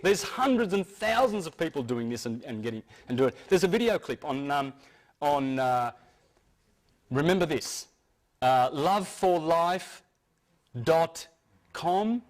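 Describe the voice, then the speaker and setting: A man's voice: a little high, expressive, measured pace, long pauses. A man giving an informal, earnest talk to a live audience. He often stumbles, restarts and repeats words as he explains. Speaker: speaker addressing an audience.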